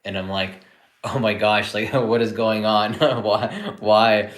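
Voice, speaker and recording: Relaxed, low-voiced man in an echoey room. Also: slow pace. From born in India, grew up in Canada. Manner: relaxed and chatty, with frequent restarts. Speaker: psychiatrist hosting a live Q&A. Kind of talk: casual live-stream chat answering viewer questions.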